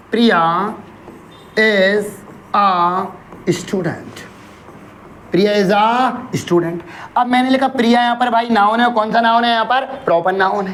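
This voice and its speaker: A man teaching English grammar, firing rhetorical questions at his class, answering them himself and dictating example sentences slowly word by word. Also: high voice, a little hiss or hum. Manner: asks questions and answers them himself, calls listeners brother.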